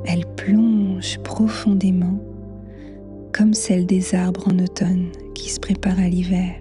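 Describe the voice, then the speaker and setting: A woman leading a guided meditation in a soft, half-whispered, soothing voice with long pauses. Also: lowish voice, level tone. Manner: slow, hushed, soothing delivery with long pauses. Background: new-age music.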